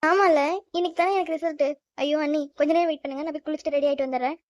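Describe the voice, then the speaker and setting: A woman's voice: sits high, steady tone, racing, dry recording, lightly acted. A woman voicing a carefree young sister-in-law in a cartoon. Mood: hurried.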